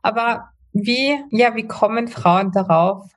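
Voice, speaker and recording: A woman's voice: a little high, takes it slowly. A woman hosting a podcast, welcoming a guest and asking long, rambling questions in a casual way. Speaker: podcast host.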